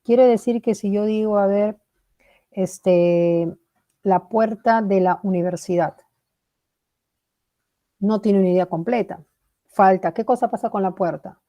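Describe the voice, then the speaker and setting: A woman's voice: medium pitch, a little slow, dark tone. A woman teaching a language class, explaining step by step, praising students by name and checking in with "¿verdad?". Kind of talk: online class lecture.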